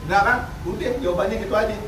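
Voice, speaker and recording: A man's voice: high voice, quick pace. A man chatting casually, giving blunt, joking advice on dog training and care. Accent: Indonesian. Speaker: dog rescue activist. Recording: roomy, distant mic, faint noise.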